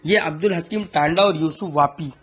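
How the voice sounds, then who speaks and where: A man's voice: a little high, fairly bright tone, breathy edge. A man preaching in a religious talk, emphatic and repeating phrases for stress.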